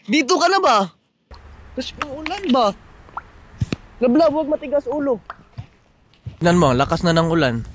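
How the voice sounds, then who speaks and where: A man's voice: very high voice, big pitch swings, moderate pace, long pauses, noisy background. A young man vlogging casually outdoors in the rain, coaxing and pleading with his girlfriend and repeating pet names. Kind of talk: casual vlog chat.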